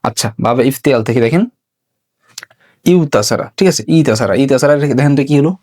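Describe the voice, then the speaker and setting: A male teacher giving an online grammar lesson, asking questions and answering them himself, repeating example words slowly. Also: mid-range voice, a little mellow. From Bangladesh.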